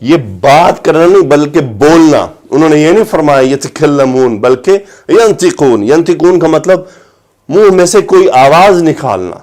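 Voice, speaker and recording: Man teaching Quranic grammar slowly. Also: a little high, lively intonation, a little mellow. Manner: recites Arabic slowly, then explains in Urdu. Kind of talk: lecture on Arabic grammar and tafsir.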